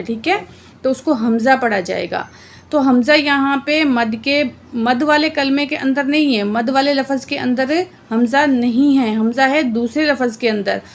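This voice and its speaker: A woman teaching Quran recitation word by word, explaining the rules plainly and reciting verses slowly with drawn-out sounds. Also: high-pitched. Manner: often adds "theek hai" to check understanding. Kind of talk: slow word-by-word recitation lesson.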